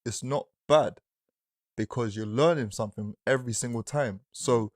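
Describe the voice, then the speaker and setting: A man, a podcast guest answering questions in a relaxed way and laughing easily. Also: medium pitch, normal speed, dry recording, clean studio sound. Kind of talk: interview answer.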